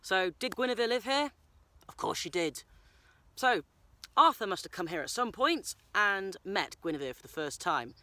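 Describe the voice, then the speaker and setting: High-pitched, bright, and forceful, this man's expressive voice comes through at a normal speed with no room sound. He's a travel vlogger and storyteller recording on location in the countryside, theatrically mixing narration with talk on the spot.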